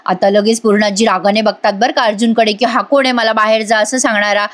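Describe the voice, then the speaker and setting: A woman giving a lively voice-over recap of a TV serial episode, addressing her viewers. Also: medium pitch, brisk. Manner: lively storytelling, addresses the audience. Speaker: TV serial reviewer.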